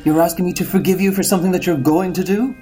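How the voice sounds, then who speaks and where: A man's voice: high voice, steady tone, fast talker, dark tone, soft background music, close to an everyday voice. A man voicing a prim, sardonic parish priest in a comedy sketch, patient and mildly scolding. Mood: dry, scolding.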